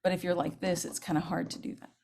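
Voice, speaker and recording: A woman's voice: fairly low pitch, fast talker, vocal fry, a little hiss or hum. Chatty woman band teacher explaining technique. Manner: lively, chatty, demonstrates as she talks. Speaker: middle school band director.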